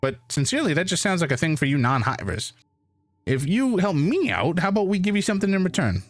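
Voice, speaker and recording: A man voicing a tiny, cheeky ant from a hive mind in a squeaky little voice, as he reads a fantasy game aloud. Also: sing-song, fast, no room sound. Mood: earnest. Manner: cheeky, defensive, talks of itself as we. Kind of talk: voicing a game character while reading aloud.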